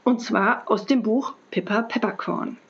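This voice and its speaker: A woman reading a children's book aloud in a calm, steady storytelling voice. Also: medium pitch, unhurried, gravelly. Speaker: school librarian reading aloud. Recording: dull lo-fi recording.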